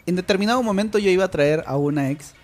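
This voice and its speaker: A young man tells a story in a relaxed chat. His voice sits fairly high and he talks in an animated, laughing way. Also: fast talker, faint music behind.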